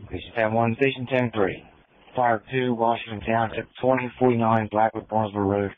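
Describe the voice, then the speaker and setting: The dispatcher's voice sits on the low side, with a steady tone and a fairly quick delivery and no audible room sound. He reads fire and EMS calls over a two-way radio using short, formal wording, and the fire radio transmission has a phone-like quality.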